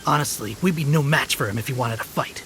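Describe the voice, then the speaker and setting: An actor playing a wary, easily impressed bandit in a video game, speaking uneasily. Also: male voice, mid-range voice, fast talker, fairly bright tone, a little hiss or hum, lightly acted. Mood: wary, unsure.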